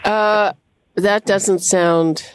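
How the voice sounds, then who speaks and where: A woman's voice: mid-range voice, steady tone, extremely slow, smooth, no echo. A woman hosting a call-in radio show, talking with frequent fillers and restarts. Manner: hesitant, many fillers and restarts. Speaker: radio host.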